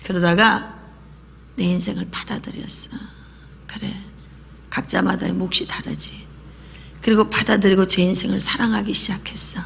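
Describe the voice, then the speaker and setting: A woman pastor preaching a lively sermon, often dropping into a whisper and having the congregation repeat after her. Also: medium pitch, normal speed, creaky, long pauses, a little hiss or hum. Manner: lively preaching, drops to whispers and calls for repetition. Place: church sanctuary. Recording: church hall reverb.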